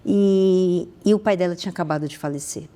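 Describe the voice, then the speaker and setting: A woman with a Brazilian Portuguese accent and a lowish, dark-toned voice speaks briskly as a guest on a conversational podcast. The founder of a social fashion project, she tells stories earnestly, often restarting and suddenly rising in emphasis.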